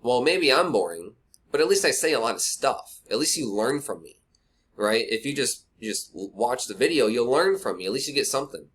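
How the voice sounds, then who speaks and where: A man's voice: medium pitch, very animated, a little fast, a bit bright, slightly rough. Casual tutor type, a man with a mid-range voice, talks bluntly to camera through a cheap webcam mic. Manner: blunt, rambling, talks to viewer directly. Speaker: online marketing instructor. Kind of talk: casual screen-recorded tutorial.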